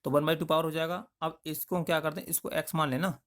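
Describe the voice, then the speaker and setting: A man's voice: a little high, flat delivery, fast, fairly bright tone. A man teaching maths, explaining each step aloud and often checking in with "okay" as he works through the problems. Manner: explains in plain spoken steps, with frequent checks like "okay".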